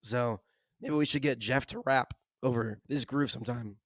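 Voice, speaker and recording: A hoarse man with laryngitis, co-hosting a podcast in casual, enthusiastic chat full of "like" and "kinda". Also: medium pitch, moderate pace, no room sound, studio quality. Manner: enthusiastic, uses lots of "like" and "kinda". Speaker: podcast co-host.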